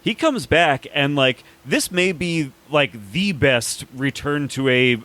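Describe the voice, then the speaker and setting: A man's voice: on the high side, animated, slow pace, sharp tone. A man hosting a horror film podcast, chatting casually and enthusiastically with frequent restarts and casual swearing. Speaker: podcast host.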